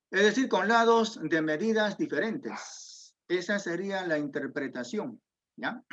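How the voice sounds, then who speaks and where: A man's voice: sits high, fairly bright tone. A man teaching a geometry class online, patiently explaining step by step and asking students questions. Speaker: secondary school math teacher. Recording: dull lo-fi audio.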